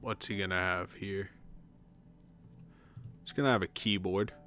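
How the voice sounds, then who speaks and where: A man's voice: low voice, steady tone, a little slow, pushed and bright, faint music behind. A man casually commenting as he plays a decorating game on stream, muttering to himself as he places furniture. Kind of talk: casual let's-play commentary.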